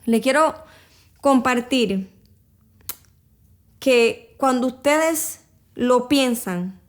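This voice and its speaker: Higher-voiced woman giving motivational advice. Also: animated, extremely slow. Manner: addresses listener directly with examples. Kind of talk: motivational talk.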